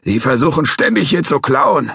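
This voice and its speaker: A man voicing a doddering old male security guard who is suspicious and testy, with a shrill, querulous, shouting manner. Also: very animated, moderate pace, gravelly, husky, no room sound, clean studio sound, full character voice. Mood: grumbling.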